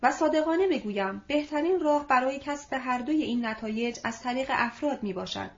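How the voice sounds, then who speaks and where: A woman reading as a calm, assured older manager. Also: high-pitched. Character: confident older male company manager. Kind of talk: audiobook reading. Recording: dull lo-fi recording.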